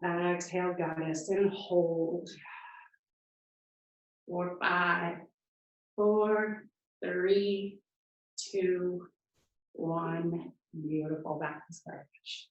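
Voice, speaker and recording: Slow, calm female yoga teacher, echoey. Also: on the low side. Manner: calm, encouraging cues with breath counts. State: slightly out of breath. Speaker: yoga instructor. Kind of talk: guided yoga class instruction. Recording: distant, echoey, muffled room sound.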